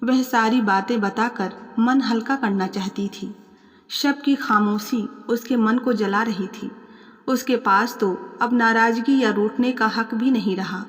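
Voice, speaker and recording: A woman's voice: a little high, unhurried. Woman narrating a story, long reverb.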